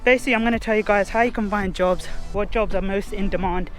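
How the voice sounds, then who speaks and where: A man's voice: sits high, steady tone, fast, a bit bright, soft background music. Chatty young man vlogging outdoors. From London, England. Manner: rambling, filler-heavy, chatty. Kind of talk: casual vlog to camera. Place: outdoors in a city park.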